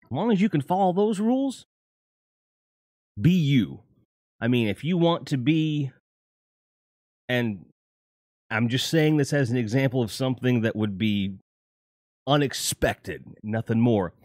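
A middle-aged man hosts a livestream, chatting casually with viewers in a rambling, profane way. His pitch sits in the middle range. The sound is dry and close, with no room echo. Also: animated, measured pace, pauses often, a little mellow. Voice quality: profane, rambling, self-correcting. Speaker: livestream host. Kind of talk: casual chat.

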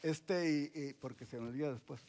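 An older man in his sixties speaks with a gravelly, creaky edge. His pitch sits somewhat high for a man, and he gives a church testimony haltingly, with frequent restarts and fillers. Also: a little mellow. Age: 60s. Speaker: church member giving testimony.

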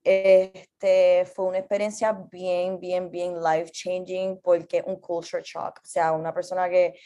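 Relaxed Puerto Rican woman in her twenties. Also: lowish voice, a little slow. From Puerto Rico. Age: 20s. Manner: relaxed, switches languages within sentences. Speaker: guest artist. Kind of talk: casual podcast interview.

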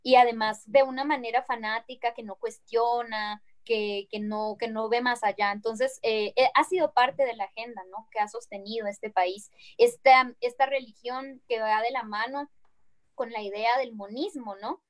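A woman's voice: a little high, steady tone, moderate pace. A woman with a Guatemalan Spanish accent, a guest speaking earnestly and reflectively in an interview, often tagging her phrases with a questioning "no". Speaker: guest activist. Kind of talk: conversational interview.

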